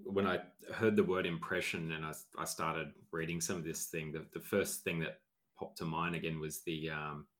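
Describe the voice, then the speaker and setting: Man, low voice, book discussion, tentative, many restarts. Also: fairly bright tone.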